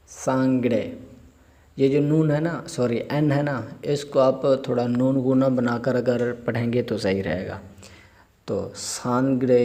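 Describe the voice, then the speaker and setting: Slow, mellow male language teacher. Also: mid-range voice. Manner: slow, drawn-out spelling of words letter by letter; asides in Urdu-Hindi with polite fillers. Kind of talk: spelling out vocabulary lesson.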